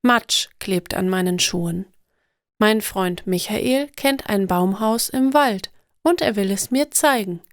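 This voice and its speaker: A woman narrating stories for language learners in a slow, clear, deliberate scripted reading. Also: medium pitch, expressive, no room sound, studio quality.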